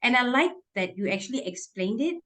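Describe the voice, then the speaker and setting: A woman's voice: on the high side, animated, a little fast, a bit bright. A woman hosting a podcast, asking thoughtful questions while she searches for her words. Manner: searching for words, frequent restarts. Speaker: podcast host. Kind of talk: casual conversational interview.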